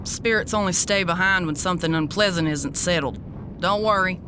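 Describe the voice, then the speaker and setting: Over music, with some background noise, a woman with a fairly low, everyday-sounding voice at normal speed acts in an audio drama as a sassy, brazen exorcist who is tough and foul-mouthed. She sounds menacing and smug, drawling her lines in a folksy, sardonic way.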